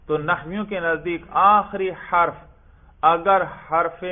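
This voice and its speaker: A man teaching a classroom grammar lesson who asks questions and answers them himself, and recites text in a chanting tone. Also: a little high. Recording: tinny phone-like lecture recording.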